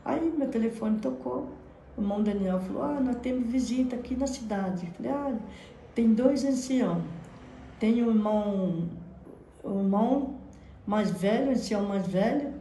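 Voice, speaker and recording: A woman's voice: a little high, dark tone. A Brazilian woman in her thirties with a Brazilian Portuguese accent, giving a fervent religious testimony into a phone. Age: 30s. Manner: fervent, frequent praise exclamations. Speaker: church member giving testimony. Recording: echoey room, faint background noise.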